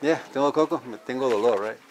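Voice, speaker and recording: A man's voice: medium pitch, fast, a little hiss or hum. An older man from California, a university professor giving a lecture, drilling word pronunciations and quizzing his audience. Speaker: university professor teaching Nahuatl. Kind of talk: classroom lecture with audience questions. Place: cultural center lecture room.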